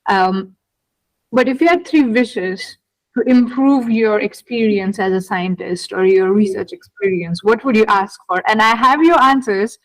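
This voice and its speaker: A woman's voice: mid-range voice, unhurried, no room sound, rough recording. A woman hosting a podcast interview, chatting casually and effusively, often repeating her phrases. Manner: enthusiastic, effusive, repeats herself. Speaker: podcast host.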